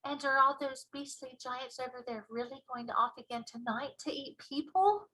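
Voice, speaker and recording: Female reader as young girl, curious, polite, earnest, children's storybook, high-pitched. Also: normal speed, pushed and bright, poor audio. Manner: earnest questioning. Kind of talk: children's storybook read-aloud.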